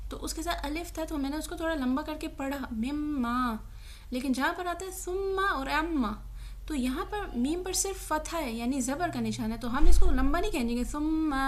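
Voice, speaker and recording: A woman teaching a tajweed lesson. She recites each word slowly twice, then explains quickly. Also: sits high.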